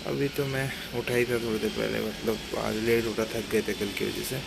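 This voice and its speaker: A man's voice: lowish voice, level tone, moderate pace, gravelly. Rambling man vlogging from a noisy balcony. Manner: rambling, self-correcting, chatty asides to viewers. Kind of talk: casual solo vlog chat. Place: apartment balcony in rainy weather. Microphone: phone camera. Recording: loud background noise.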